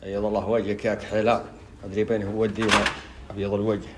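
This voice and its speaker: A man's voice: on the low side, monotone, rapid-fire, heavy background noise. A man with a Gulf Bedouin Arabic accent, chatting casually to his followers as a vlogger in a colloquial, jokey storytelling way. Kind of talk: casual vlog chat to followers.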